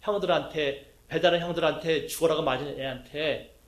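A middle-aged male pastor preaches a sermon. His voice sits a little high for a man, and he keeps throwing questions to the congregation and acting out little quotes. The room around him rings with echo. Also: steady tone, normal speed. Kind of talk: sermon teaching.

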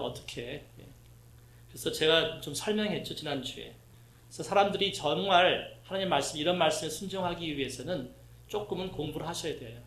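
Man, pastor, fairly high voice, casual storytelling sermon, echoey church. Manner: lively storytelling, acts out quoted voices, asks the congregation questions. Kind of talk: conversational sermon with personal stories.

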